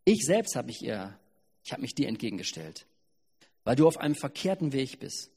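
Man voicing a stern sword-bearing angel, grave, commanding, husky, reverberant. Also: mid-range voice, very animated, moderate pace, a little mellow. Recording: long hall reverb.

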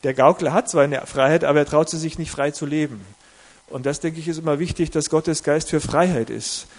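A man's voice: on the high side, a little fast. A man preaching a sermon in a conversational, reflective way, with self-corrections, who reads a story aloud.

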